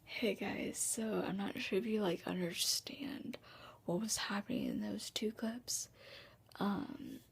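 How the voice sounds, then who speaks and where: A tearful woman talking haltingly and subdued in a personal video diary, her voice hushed and breathy. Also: medium pitch, steady tone, in a whisper. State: tearful, crying. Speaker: vlogger.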